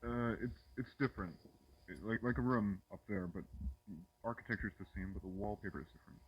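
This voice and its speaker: A man's voice: fairly low pitch, a little fast, husky, muffled recording. An actor playing a man lost while exploring, stuck down a hole, talking hesitantly and sounding shaken. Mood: uneasy.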